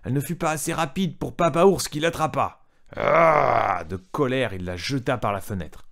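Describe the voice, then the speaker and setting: A man's voice: mid-range voice, brisk. A man reading a storybook aloud to a child, stopping to retell parts in plain words and ask the child questions.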